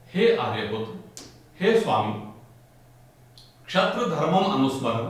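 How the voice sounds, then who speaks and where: A man with a slightly high voice explains a Sanskrit text to a class. He moves slowly through each line, with a very lively, rising and falling pitch. The sound is roomy and heavily echoed, as if the mic were some way off. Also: far from the mic. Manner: reads each Sanskrit line, then slowly repeats it in Hindi. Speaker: Sanskrit teacher.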